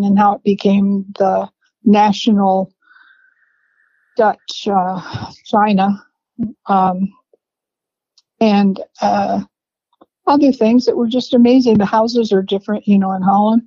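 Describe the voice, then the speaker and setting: A woman in her seventies telling family memories in a rambling, unhurried way with laughs between stories. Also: medium pitch, level tone, warm tone, no echo. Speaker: interviewee, family matriarch. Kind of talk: reminiscing conversation. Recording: dry, slightly dull lo-fi sound.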